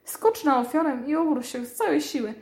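A woman's voice: sits high, animated, brisk, darkish tone, reverberant, pitched above the performer's own voice. A woman voicing a bossy male cat who teaches hunting in a commanding, instructive way.

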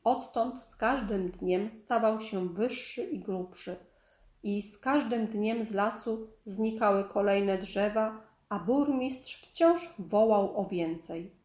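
Narrating a storybook, a woman with a medium-pitched voice reads a children's tale calmly and at a measured pace. The recording has an echoey room sound.

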